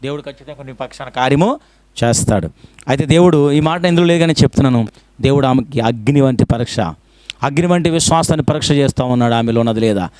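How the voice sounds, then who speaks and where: A man preaching a fervent sermon as a pastor, firing off rhetorical questions and swinging between loud pleading and hushed low lines. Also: quick pace, no echo.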